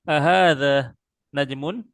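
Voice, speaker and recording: A man tutoring Arabic in an online one-on-one lesson speaks with a highish, fairly bright voice on a dry, close recording. His drilling is slow and patient, punctuated often by pious interjections.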